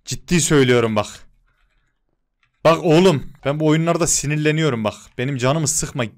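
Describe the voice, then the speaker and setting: A young man commentating his own Minecraft gameplay, excitable and quick to get annoyed at his teammates. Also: fairly high pitch. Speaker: gaming YouTuber. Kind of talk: Minecraft let's-play commentary.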